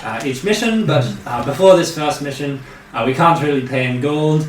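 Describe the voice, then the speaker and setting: A man playing a businesslike male recruiting officer who briefs new recruits, with frequent hesitant "uh" pauses. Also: a little high, close to an everyday voice. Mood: briefing. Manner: measured, many "uh" pauses. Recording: roomy, distant mic, faint noise.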